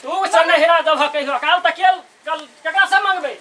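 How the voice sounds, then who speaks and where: Man acting angry old grandfather, Bihari accent, scolding, extremely high bright voice, comedy skit, music. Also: moderate pace, a little hiss or hum. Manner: scolding, demanding. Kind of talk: amateur village comedy skit in dialect.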